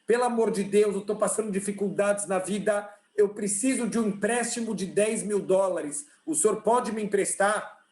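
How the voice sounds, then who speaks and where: A man's voice: high-pitched, normal speed, few pauses, darkish tone, natural voice. A man voicing a desperate poor man who pleads tearfully for a loan. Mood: pleading. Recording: roomy video call audio.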